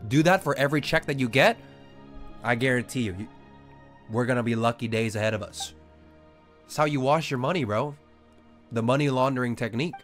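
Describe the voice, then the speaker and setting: A young Australian-born streamer with a Southern Californian accent chats and jokes with viewers while gaming, swearing freely and reading chat aloud. His mid-range voice is brisk but broken by long pauses, with faint music behind.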